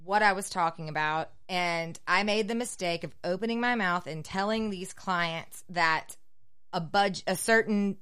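A woman's voice: on the low side, unhurried, clear, resonant tone. A woman realtor, co-hosting and telling client stories in a chatty way. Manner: chatty storyteller, animated when quoting clients. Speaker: realtor and co-host. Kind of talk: casual podcast chat.

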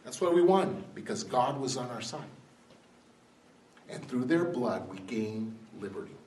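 A man's mid-range, darkish voice moves unhurriedly with lively intonation as he addresses an audience with a passionate political speech full of rhetorical questions and rising emphatic climaxes. Captured by a far-off mic in a roomy hall, the audio has faint ambience and a little hiss or hum.

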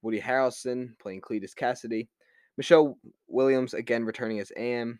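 A man's voice: medium pitch, steady tone, fairly quick, a little mellow, clear, resonant tone, no room sound, studio quality. A man with a Delaware County, Philadelphia accent, chatting casually as he hosts a film review podcast. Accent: Delaware County, Philadelphia area. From Delaware County, Pennsylvania, USA. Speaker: podcast host.

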